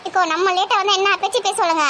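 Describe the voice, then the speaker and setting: A woman, grumbling and gossiping loudly in a comic village sketch. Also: extremely high pitch, fairly even intonation, rapid-fire, a little hiss or hum. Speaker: comedy sketch performer.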